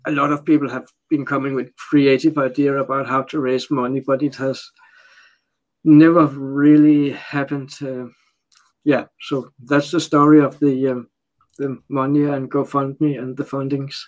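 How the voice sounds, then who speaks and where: Recorded in low quality, a man with a mid-range voice and flat delivery speaks English as a second language with a Danish accent. He's from Denmark and appears as a guest in a casual, unscripted interview, halting often while searching for words as he translates.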